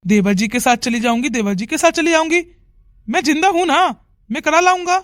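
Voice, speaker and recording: A woman's voice: sits high, fairly quick, natural voice. A woman voicing a stern, demanding young husband in a cartoon who scolds insistently. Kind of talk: cartoon voice acting.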